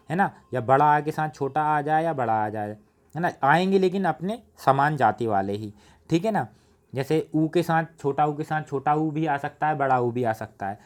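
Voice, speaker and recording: A man's voice: on the high side, darkish tone. Man teaching an exam prep class. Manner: explains patiently, often adds tag questions to check along.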